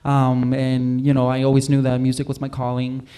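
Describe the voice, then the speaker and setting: A man's voice: mid-range voice, completely flat delivery, normal speed, warm tone, smooth. A young man from Puerto Rico, a singer, chatting casually as a guest in a livestream interview, rambling with many fillers. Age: young adult.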